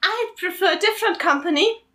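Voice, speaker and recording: A woman's voice: very high-pitched, normal speed, sharp tone, pitched above the performer's own voice. A woman voicing a sly, scheming male prisoner with dry, teasing remarks in a casual podcast story reading.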